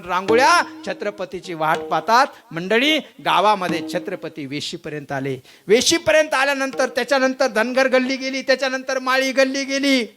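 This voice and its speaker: Dramatic man preaching kirtan, gravelly. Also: a little high. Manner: dramatic, swings from loud exclaiming to hushed lament. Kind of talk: devotional kirtan storytelling.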